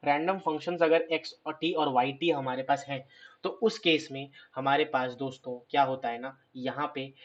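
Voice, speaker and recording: A hoarse man teaching a math lecture, asking questions and answering them himself. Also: mid-range voice, fairly even intonation, normal speed, lo-fi sound. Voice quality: clears his throat. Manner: explains step by step, asks and answers his own questions. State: hoarse, scratchy throat.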